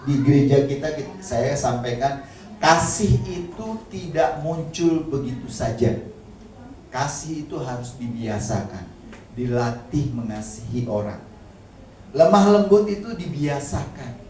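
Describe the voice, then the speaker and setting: A man's voice: medium pitch, animated, measured pace, darkish tone, slight background noise. A man preaching a casual sermon in a church, speaking conversationally with humorous asides and often addressing the congregation directly. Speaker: pastor. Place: church hall. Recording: very echoey hall, mic at a distance.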